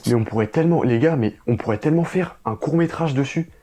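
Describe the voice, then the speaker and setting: A man's voice: medium pitch, fast, mellow, slight background noise. A young man co-hosting a horror video, narrating eerie stories dramatically with chatty asides to viewers. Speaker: co-host. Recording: music playing behind.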